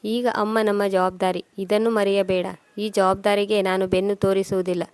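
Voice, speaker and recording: A woman voicing a patient husband who calmly reasons with his wife, in an even storybook reading. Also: medium pitch, normal speed, dry recording, lightly acted. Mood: reasoning. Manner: calm reasoning delivery. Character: patient dutiful husband Samanth.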